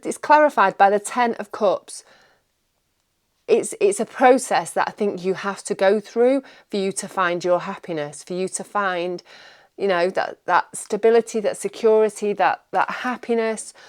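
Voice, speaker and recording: A woman's voice: mid-range voice, unhurried. A woman giving a casual tarot reading, rambling and reassuring, often repeating her words. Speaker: tarot reader.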